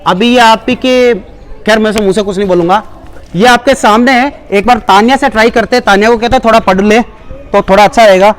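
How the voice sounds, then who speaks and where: Coaxing the children along and slipping English phrases into his live demonstration, this seminar presenter at a school talks fairly quickly in a high-pitched male voice.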